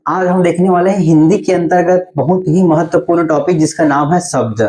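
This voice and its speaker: A man's voice: on the high side, darkish tone. A male teacher giving an online grammar lesson, explaining step by step and checking in after each point. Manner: explains step by step with frequent "theek hai" check-ins; slows down to list terms.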